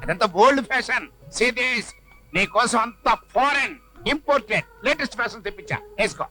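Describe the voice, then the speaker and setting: A man's voice: extremely high pitch, lively intonation, fairly quick, pushed and bright, full character voice, low-quality recording. An actor playing a fussy, theatrical rich father who dotes on his daughter. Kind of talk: Telugu film comedy acting.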